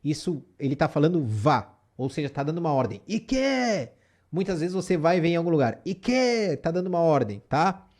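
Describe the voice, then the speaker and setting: A man's voice: on the high side, expressive, fast talker, hardly any pauses, a little mellow. Chatty man teaching a lesson. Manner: explanatory, repeats "tá?" and "né?" checks. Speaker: Japanese teacher. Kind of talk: casual spoken lesson.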